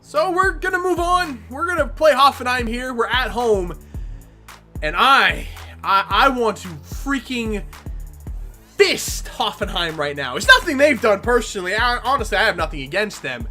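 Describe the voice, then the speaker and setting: A woman commenting on her own video game match, excitable and swearing freely, shouting at big plays. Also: on the high side, moderate pace, soft background music. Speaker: gaming commentator.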